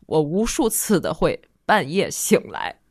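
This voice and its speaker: A woman in her thirties, a guest on a talk show, telling an emotional personal story in a halting, heartfelt way. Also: deep voice, sing-song, creaky, darkish tone, dry recording, studio quality. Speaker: guest listener.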